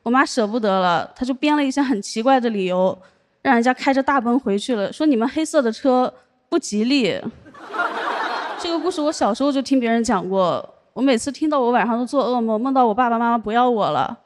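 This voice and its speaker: A young woman performing a stand-up comedy set, telling her story deadpan and landing punchlines over audience laughter. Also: a little high, quick pace. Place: comedy stage with a live audience.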